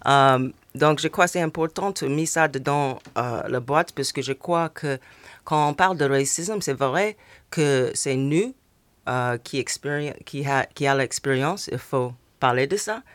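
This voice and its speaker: Man speaking halting English-accented French. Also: medium pitch, fairly bright tone, no room sound. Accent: foreign accent in French, English-speaking. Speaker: panel guest. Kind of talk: discussion of literature.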